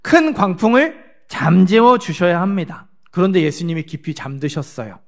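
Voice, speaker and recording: A man preaching a Sunday sermon, his voice pitched high with a gravelly, creaky edge. He poses questions to the congregation and answers them himself, and sometimes lifts his voice to act out the words of frightened people. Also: expressive, moderate pace. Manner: acts out the disciples' frantic words in a higher voice. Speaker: pastor. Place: church sanctuary.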